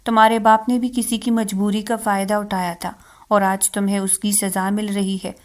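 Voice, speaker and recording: A woman's voice: medium pitch, little pitch movement, lightly acted. A woman reading as a cruel, vengeful rich man. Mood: harsh.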